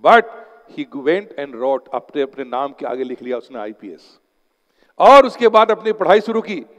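A man's voice: fairly high pitch, very animated, unhurried. A man giving a motivational seminar talk as an exam coach, telling stories and mixing English phrases into his Hindi. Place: lecture hall. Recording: long hall reverb.

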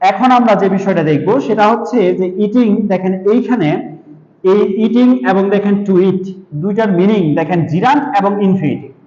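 A man with a high voice gives a spoken grammar lesson. He explains patiently, repeats his cue words and drills short example sentences one by one. The sound is roomy and a little dull, with a long reverb tail. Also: darkish tone. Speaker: English teacher.

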